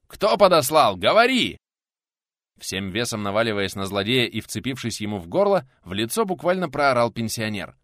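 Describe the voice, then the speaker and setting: Male audiobook narrator, dramatic steady read, animated delivery, dry. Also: on the low side, brisk, hardly any pauses, no echo.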